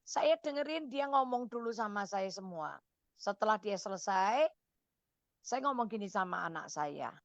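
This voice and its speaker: A woman counselor on a radio call-in show, giving motherly advice in a lively, caring way. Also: medium pitch, normal speed, no echo, lo-fi sound.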